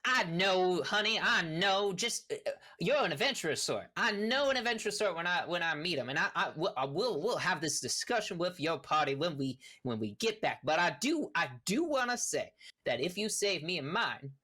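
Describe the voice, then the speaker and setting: A woman voicing a gruff, talkative male half-orc rancher who rambles folksily and calls people honey. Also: lowish voice, big pitch swings, normal speed, pushed and bright, pitched above the performer's own voice, exaggerated voice. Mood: grateful chatty.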